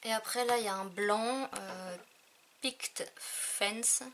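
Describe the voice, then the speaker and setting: A woman vlogger chats casually through a haul video of craft inks, hesitant and full of fillers, thinking aloud as she tests them and fumbling the English product names. Her voice is mid-range, with fairly even intonation and a moderate pace, and there's slight background noise.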